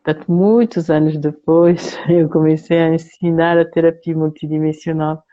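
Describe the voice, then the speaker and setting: An older woman from France, a guest on a live video interview, recalling her story slowly and with hesitations. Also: sits low, steady tone, mellow, lo-fi sound. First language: French. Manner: slow, hesitant and reflective. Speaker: guest therapist.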